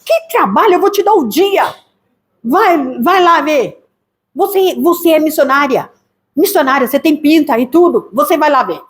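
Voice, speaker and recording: A woman's voice: high voice, animated, moderate pace. A woman putting on the voice of her blunt female boss, pushy and repeating her commands. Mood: insistent.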